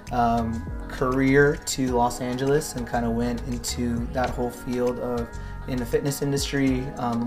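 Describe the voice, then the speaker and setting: Brief: thirties man from Hawaii, even monotone delivery, reflective guest, music bed clearly audible. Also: medium pitch. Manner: flat, reflective, many ums and likes. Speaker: guest, gym owner. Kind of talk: casual interview talk.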